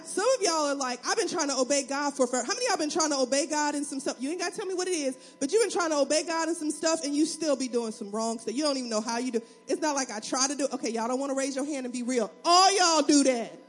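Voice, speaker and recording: A woman pastor with a Southern US accent, preaching a fast, excitable sermon with call-and-response to her congregation. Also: high-pitched. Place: church sanctuary. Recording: long hall reverb.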